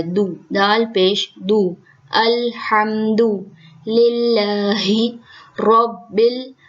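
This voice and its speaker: A woman teaching Quran recitation, speaking deliberately and drawing out sounds to demonstrate correct pronunciation. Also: fairly high pitch, muffled recording. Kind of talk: tajweed lesson.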